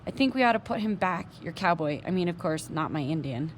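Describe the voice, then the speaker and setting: A woman's voice: on the low side, expressive, fairly quick, a little hiss or hum, lightly acted. A woman voicing a firm, sensible young boy.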